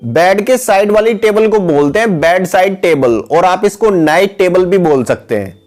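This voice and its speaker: A man with a high-pitched voice reads out a picture vocabulary lesson in an even, patient rhythm. He names one item after another and now and then calls his viewers guys. Faint background music sits beneath the close-miked voice-over. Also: moderate pace. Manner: steady repetitive naming, addresses viewers as guys. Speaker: English teacher.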